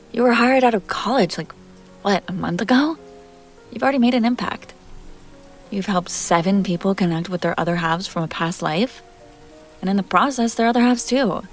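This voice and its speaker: In an intimate roleplay audio drama, a woman plays a self-assured, playful vampire heiress who talks directly to the listener. Her voice is natural and medium in pitch.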